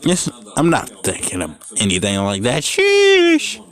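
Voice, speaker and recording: This fanfic reader is a young man whose voice is a little high and a bit bright, with huge pitch swings and a slightly slow pace. He reads the story casually, tripping over lines and stopping for jokes and swearing.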